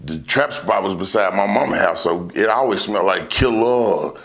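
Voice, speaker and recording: A man's voice: low-pitched, animated, moderate pace, creaky, fairly bright tone, soft background music. A man telling stories casually in a laid-back, rambling stoner manner, repeating himself and using heavy slang and swearing. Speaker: vlogger. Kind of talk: casual storytelling to camera.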